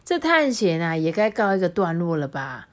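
A woman's voice: lowish voice, normal speed. Mother reading a storybook aloud. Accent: Taiwanese Mandarin. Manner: lively, chatty storyteller explaining to a child. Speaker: mother reading to her child.

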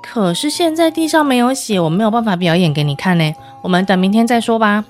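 A woman's voice: mid-range voice, lively intonation, quick pace, soft background music, lightly acted. Brief: sneaky clever little cat in a kids' storybook, wheedling and crafty, played by a woman narrator. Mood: sly. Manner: wheedling, cunning.

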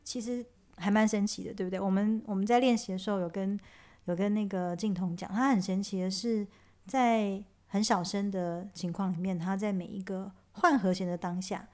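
A woman's voice: medium pitch, steady tone, moderate pace, darkish tone. A woman chats about rehearsing a piece, often checking for agreement. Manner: chatty, asks for agreement. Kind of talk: casual music discussion.

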